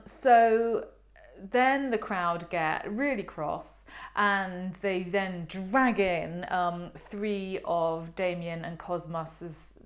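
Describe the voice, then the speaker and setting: Brief: middle-aged woman, casual art talk presenter, lowish voice, rambling and playful. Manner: chatty and meandering, with many ums and playful asides.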